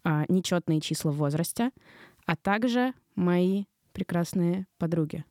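A woman in her thirties hosting a podcast, introducing the show and its guests in an unhurried, calm way. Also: lowish voice, dry recording, clean studio sound. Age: 30s. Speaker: podcast host. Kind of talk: casual podcast chat.

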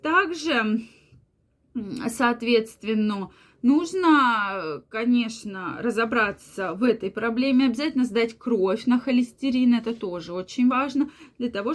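A woman's voice: fairly high pitch, a little slow. A woman giving an explanatory health talk to viewers, often adding filler words like "yes" and "that is". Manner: frequent fillers and repeated "yes", "that is". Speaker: health adviser.

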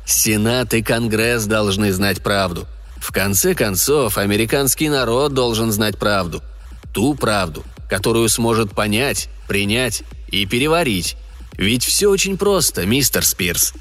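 A man reading an audiobook voices a calm, stern male general who questions a pilot in a slow, measured, pressing way. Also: lowish voice, voice pushed down.

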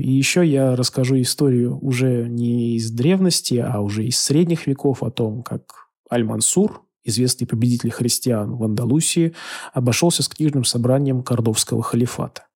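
A man telling history on a podcast in an unhurried, thoughtful way with many small fillers. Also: mid-range voice, darkish tone, slightly rough. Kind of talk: casual history podcast talk.

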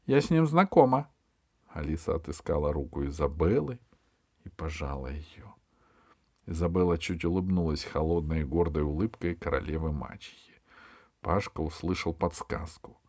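A man narrating a children's adventure audiobook in a lively storytelling read. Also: low voice, no room sound, clean studio sound. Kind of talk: scripted narration.

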